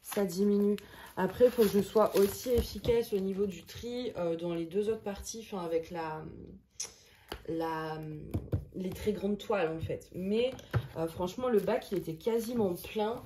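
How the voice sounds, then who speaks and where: Sorting through craft canvases at home, this vlogger chats casually with her audience, thinking aloud and cracking self-deprecating jokes. She speaks at a normal speed in a mid-range voice against a noisy background.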